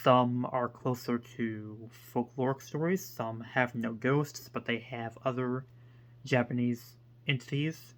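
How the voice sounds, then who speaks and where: A man chatting to the camera about books at an unhurried, drawn-out pace. He rambles and stops to hunt for words, with a voice of middling pitch for a man. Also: steady tone. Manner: hesitant and rambling, full of pauses. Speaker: book reviewer. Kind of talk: casual to-camera book talk.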